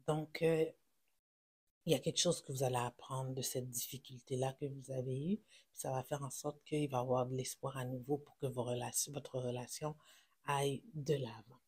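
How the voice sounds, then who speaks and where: A tarot reader with a Québécois French accent gives a casual, reassuring reading to viewers. The speech is halting, with many fillers and self-corrections. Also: medium pitch, steady tone, darkish tone, husky.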